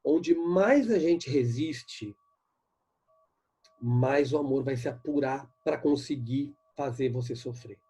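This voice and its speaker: Male teacher with a Brazilian Portuguese accent, mellow and breathy, reads verses slowly and explains them. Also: medium pitch. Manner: explains and asks students questions, reads poems slowly. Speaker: literature teacher. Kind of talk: recorded online class lesson.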